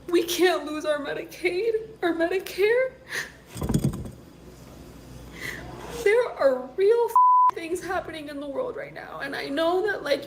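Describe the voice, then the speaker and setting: A woman's voice: very high-pitched, background noise. A woman astrologer ranting in exasperation to her followers, cutting off her swear words. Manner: exasperated, clipped bleeped swearing. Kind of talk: angry social media rant.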